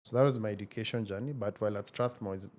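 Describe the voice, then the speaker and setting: A man in his forties, speaking as an interview guest in a measured, reflective way with frequent hesitations. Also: on the low side, darkish tone. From Kenya. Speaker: guest, tech founder. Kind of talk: casual interview conversation.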